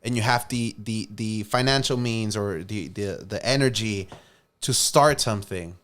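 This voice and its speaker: A man's voice: fairly low pitch, a little slow, a bit bright. Easygoing male podcast guest. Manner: easygoing, says "dude" and "bro". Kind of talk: casual chat.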